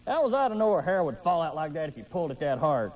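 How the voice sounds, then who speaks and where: A man's voice: a little high, big pitch swings, fast, darkish tone. A man playing a goofy, dim-witted, lecherous sidekick in campy horror host comedy, with silly wisecracking patter. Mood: sheepish.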